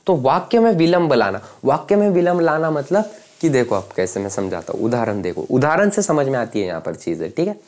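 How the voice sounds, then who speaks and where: A young man teaching to a camera, explaining each idea with everyday examples and often stopping to ask whether his viewers follow. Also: fairly high pitch. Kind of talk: explanatory lecture. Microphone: speaking to camera.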